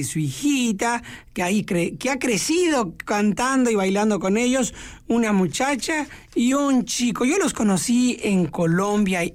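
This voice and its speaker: A woman with a Mexican accent hosting a radio music program, chatting casually and acting out little voices. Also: fairly high pitch. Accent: Mexican Spanish. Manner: chatty, animated, acts out voices in quotes. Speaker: radio host.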